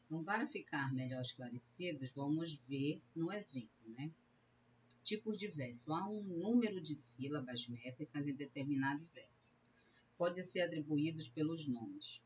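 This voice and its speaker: A woman from Brazil, a literature teacher giving a recorded lecture, explaining step by step and often tagging a questioning "né?" onto her sentences. She slows down to sound out syllables one at a time. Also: sits low, lively intonation, a little mellow. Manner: sounds out syllables slowly when counting verse. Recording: slightly dull lecture recording with faint hiss.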